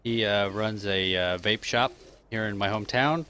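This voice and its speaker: Against a noisy background, a lowish-voiced man in his thirties from Kansas chats casually on a live stream. He reads out questions in an easygoing way, full of drawn-out ums and uhs and quick chuckles.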